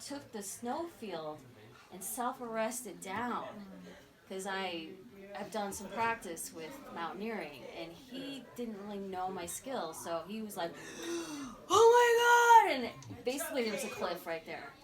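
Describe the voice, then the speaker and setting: A middle-aged woman sharing a personal story at a memorial, animated and acting out the voices of others. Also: medium pitch, a little slow. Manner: animated, acts out quoted voices, laughs often. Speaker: memorial speaker. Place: memorial gathering. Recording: distant mic with crowd around.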